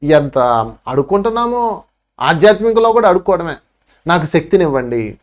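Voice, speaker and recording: A man's voice: sits high, lively intonation, a little fast. A man with a Telugu accent giving a spiritual talk, acting out pleading voices to make his points. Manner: preachy, acts out pleading voices. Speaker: spiritual teacher.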